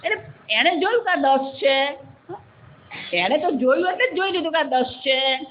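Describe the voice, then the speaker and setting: A woman's voice: high voice, lively intonation, normal speed, a little hiss or hum. A woman spiritual teacher giving a Vedanta discourse, telling a story and putting questions to her listeners. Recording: dull lo-fi lecture recording.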